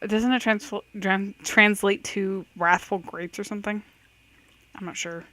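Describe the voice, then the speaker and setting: A woman's voice: mid-range voice, steady tone, a little slow, bright, forceful tone. A woman giving casual, chatty commentary on a quiz game, reading questions aloud and reacting with self-doubting thoughts. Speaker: host of a let's-play quiz video.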